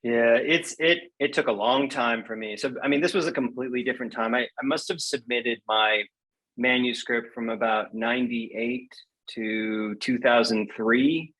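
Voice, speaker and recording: A guest poet gives candid conversational interview answers in a medium-pitched voice at a moderate pace, captured in a low-quality recording. He's self-deprecating, animatedly retelling events with quoted asides.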